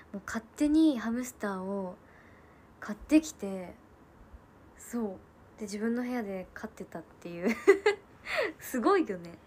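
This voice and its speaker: On her livestream, a woman in her twenties from Japan shares family stories and responds to comments in a chatty way, laughing frequently and adding soft asides. She speaks in a mid-range voice, and there's slight background noise.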